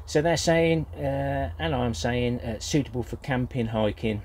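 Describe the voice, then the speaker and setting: With a mid-range, darkish voice and a measured pace, an older British man reviews a product for his gardening vlog. The grandfather's review is casual, unscripted, hesitant and rambling, and a little hiss or hum is audible.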